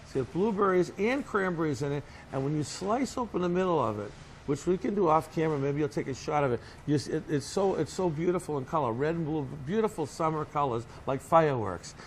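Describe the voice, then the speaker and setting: A man's voice: a little high, expressive, fairly quick, a little hiss or hum, poor audio. A man with a Boston accent telling stories in an interview as a small business owner, in a joking, salesman-like way. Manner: jokey, salesman-like. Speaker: coffee cake company owner. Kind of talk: animated interview storytelling.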